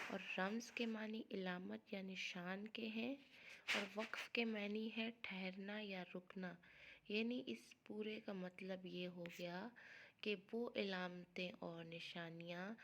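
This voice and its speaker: Gravelly-voiced woman teaching children. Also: mid-range voice. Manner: patient, explains and repeats for children. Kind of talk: primary school grammar lesson.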